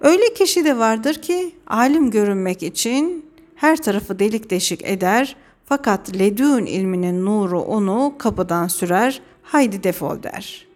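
A woman presenting a religious lesson on a classic poem, explaining in a measured, earnest way from a script. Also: medium pitch, animated, darkish tone.

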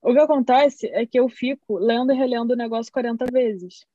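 A woman, co-hosting a podcast and telling stories in an animated, rambling way. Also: a little high, fairly quick, no echo, dull audio. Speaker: podcast co-host. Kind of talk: casual chat.

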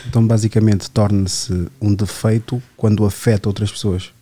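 A man, hosting a podcast in relaxed, chatty conversation and asking questions. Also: on the low side, normal speed. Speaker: podcast host. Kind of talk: casual podcast chat.

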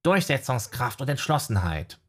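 A small owl familiar with a pedantic, know-it-all streak, as a male narrator puts him on for an audiobook. The voice sits high and perky, with a husky, breathy grain under it. He chirps his remarks like a fussy little professor. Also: sing-song, moderate pace, a bit bright. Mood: guiding. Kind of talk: audiobook character voice.

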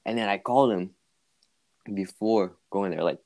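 A man in casual chat with a friend, telling stories in a relaxed way and laughing often. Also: fairly low pitch, normal speed, dry recording.

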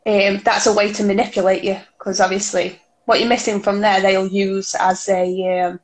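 A woman's voice: mid-range voice, level tone, moderate pace, rough recording. Informal young woman with a Stoke accent. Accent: Stoke-on-Trent English. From Stoke-on-Trent, England. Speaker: interview guest, author. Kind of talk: personal conversation, recounting experiences.

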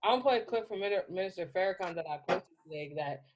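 A woman's voice: mid-range voice, expressive, very fast, highs cut off, background noise. Fired-up woman podcast host. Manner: heated, emphatic, frequent restarts. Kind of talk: casual podcast chat.

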